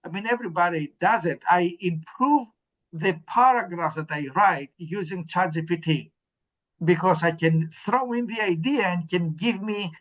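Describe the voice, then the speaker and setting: A man's voice: high-pitched, moderate pace, a bit bright, muffled recording. A middle-aged man from Sweden, an interim dean, answering panel questions over a video call, with frequent ums and restarts. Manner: hesitant, many ums and restarts.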